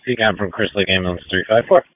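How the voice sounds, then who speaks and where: A man's voice: low-pitched, fast, dry recording. A man on an ambulance crew giving terse, businesslike radio updates over two-way radio. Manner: businesslike, procedural. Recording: dry, muffled radio transmission.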